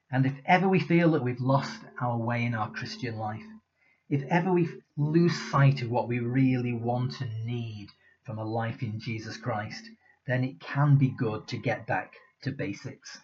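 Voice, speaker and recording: A man giving a Sunday sermon, in a measured, conversational way. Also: medium pitch. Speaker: preacher. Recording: slightly dull lo-fi recording.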